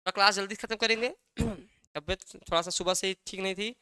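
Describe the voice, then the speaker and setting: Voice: mid-range voice, fairly even intonation, brisk, bright, forceful tone, clear, resonant tone, dry recording. A teacher giving an exam-prep language lesson, asking a question and then answering it, repeating key words again and again.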